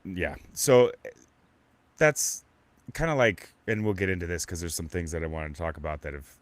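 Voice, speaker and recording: A man's voice: sits low, normal speed. A man hosting a casual live podcast, talking in a rambling, stop-start way with lots of restarts and fillers. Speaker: podcast host. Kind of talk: casual live-stream chat.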